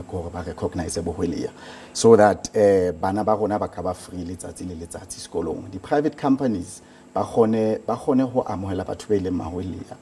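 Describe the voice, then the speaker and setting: Male interviewee, South African Sotho accent, quick but halting stuttered speech, low mellow voice, faint noise. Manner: halting, with repeated words and stutters. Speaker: organisation founder being interviewed. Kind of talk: studio news interview answers.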